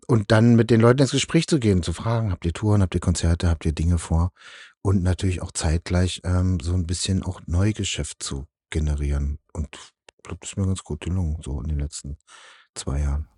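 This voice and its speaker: A man with a very low voice tells his story in a relaxed, meandering way, full of fillers and restarts. He is from eastern Germany and works as a project manager. The sound is dry and close. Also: husky, no echo. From East Germany. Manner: rambling, many fillers and restarts. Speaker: project manager in event lighting. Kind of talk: casual interview answers.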